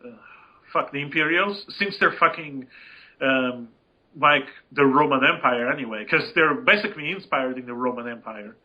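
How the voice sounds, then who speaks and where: Bright-voiced man swearing through game chat. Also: mid-range voice, normal speed, muffled recording. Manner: rambling, emphatic, swears freely. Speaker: podcast co-host. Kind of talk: casual gaming chat.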